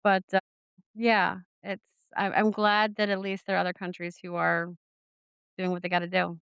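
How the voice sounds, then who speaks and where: A woman's voice: on the low side, monotone, normal speed, vocal fry, a bit bright, smooth, no echo, dull audio. A woman co-hosting a casual podcast, rambling with many fillers and restarts and giggling asides. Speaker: podcast co-host. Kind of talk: casual chat.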